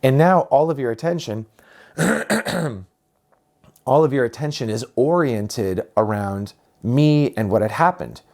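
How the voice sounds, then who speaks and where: Calm man giving a reflective spiritual talk. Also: mid-range voice, unhurried, gravelly. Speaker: spiritual teacher.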